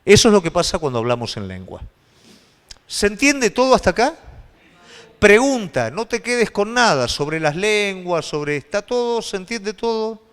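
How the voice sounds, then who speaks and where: A man with a Rioplatense Spanish accent, a pastor preaching a sermon with animated delivery and frequent rhetorical questions. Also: high voice, moderate pace, clean tone, in a large hall.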